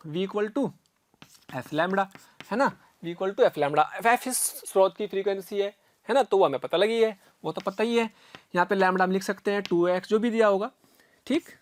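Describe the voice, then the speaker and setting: A man's voice: high voice, no echo, clean studio sound. A man teaching physics in a recorded lecture. He explains step by step, often checks in with his students, and repeats sounds aloud to demonstrate.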